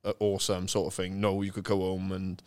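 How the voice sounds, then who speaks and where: A man's voice: sits low, monotone, fairly quick, darkish tone, clear, resonant tone. A man with a South Welsh accent chatting casually and candidly as a podcast guest, telling stories in an informal, sweary, matter-of-fact way. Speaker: interview guest, retired rugby player.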